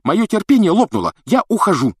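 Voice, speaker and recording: A scornful, know-it-all schoolgirl, as a man reads her in a raised voice for an audiobook. Her lines come out sharp and clipped with open scorn, recorded dry and close. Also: mid-range voice, expressive, quick pace, husky, no echo, pitched above the performer's own voice. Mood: outraged.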